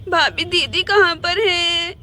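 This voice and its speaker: Weepy young bride, a woman voicing her in a doll play, high and bright, pleading between sobs. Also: takes it slowly, a little hiss or hum, full character voice. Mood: tearful. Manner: sobbing, pleading. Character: weeping young bride Simran, tearful and clingy. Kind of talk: doll play narration with voices.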